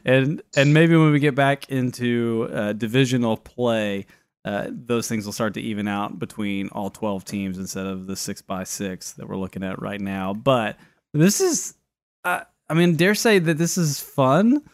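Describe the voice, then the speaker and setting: A man's voice: mid-range voice, measured pace, no echo, clean studio sound. A man co-hosting a casual podcast chat, talking in a wry, wordy, mock-formal way with a facetious streak. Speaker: fantasy football podcast co-host.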